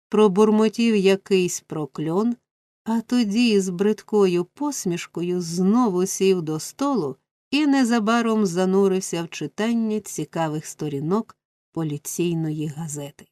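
A woman reads a classic novel aloud at a middling pitch, steady and expressive. The sound is close and dry, with no echo. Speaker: audiobook narrator. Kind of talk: scripted narration.

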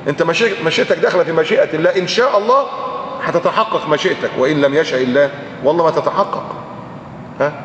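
A man preaching with an Egyptian Arabic accent, fast and animated, firing off rhetorical questions and now and then chanting verses. His voice sits a little high. The recording rings with a long hall echo. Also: muffled recording, a little hiss or hum. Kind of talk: sermon.

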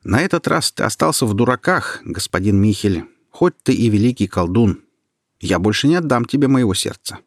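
A stubborn young male charcoal burner , voiced by a man reading the tale. He talks brashly and defiantly, his husky voice raised a little above the narration. The sound is dry and close. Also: fairly low pitch, expressive, moderate pace, dry recording. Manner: brash, then firm and defiant.

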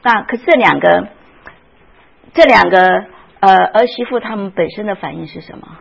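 A woman's voice: medium pitch, moderate pace, creaky, husky, dull audio. A woman teaching a Sunday school Bible class, often asking the class questions and retelling scenes with feeling.

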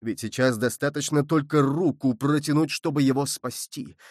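A man voicing a noble, merciful count who speaks in a low, soft and solemn way. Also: normal speed, no room sound, studio quality, natural voice. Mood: pleading. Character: noble older male count, grave and merciful.

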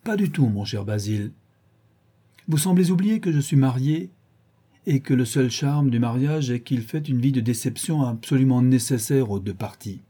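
A man's voice: medium pitch, moderate pace, warm tone, breathy edge, close to an everyday voice. A man reading a witty cynical young aristocrat. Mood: amused. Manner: airy, amused, paradoxical.

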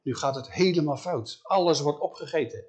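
A man voicing frightened royal servants who plead with their king, quick and anxious. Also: fairly high pitch, expressive, darkish tone, natural voice. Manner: pleading, rising alarm. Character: panicky male royal servants.

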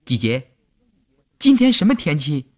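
A man's voice: fairly high pitch, very animated, unhurried, a little mellow, pitched above the performer's own voice. A man playing a teasing, easily flustered teenage boy soldier in a raised, youthful voice.

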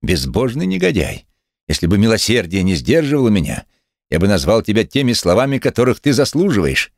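A man's voice: sits low, very animated, normal speed, vocal fry, a little mellow, dry recording, clean studio sound, exaggerated voice. A man voicing a stately male Methodist preacher who speaks in an indignant, preachy way. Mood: wrathful.

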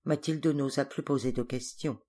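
A woman narrating a story for an audiobook in a measured, clear reading voice. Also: very deep voice, fairly even intonation, warm tone. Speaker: audiobook reader. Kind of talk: scripted narration.

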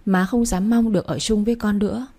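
A woman's voice: medium pitch, fairly even intonation, a little fast, lightly acted. A woman voicing a remorseful, ashamed mother. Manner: soft, pleading.

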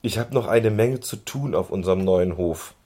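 A man voicing a brisk, bossy woman farm owner who sweet-talks a policeman. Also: low voice, warm tone. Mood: sweet-talking.

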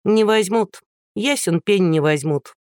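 A man's voice: high voice, measured pace, darkish tone, clean tone, dry recording, studio quality. A man reading an audiobook voices a chatty, nervous young blonde woman waiting at an audition. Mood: gloomy.

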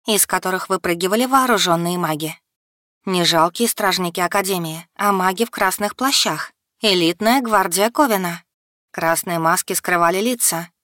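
A woman reads a first-person fantasy audiobook expressively and cries out the heroine's shouts at full voice. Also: lowish voice, no room sound, studio quality. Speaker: audiobook narrator.

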